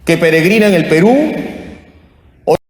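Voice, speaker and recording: Priest, measured pace, somewhat high voice, cathedral echo from far off, long reverb. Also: male voice. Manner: slow, deliberate, with chanted responses. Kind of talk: Mass reading and homily. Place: large church. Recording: echoey church, voice from afar.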